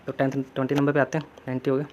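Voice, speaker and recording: Young guy teaching vocab, casual and chatty, pretty flat voice, bit of background noise. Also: mid-range voice, rapid-fire, muffled recording. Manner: chatty, storytelling memory tricks, frequent "है ना". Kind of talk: casual Hindi-English lesson.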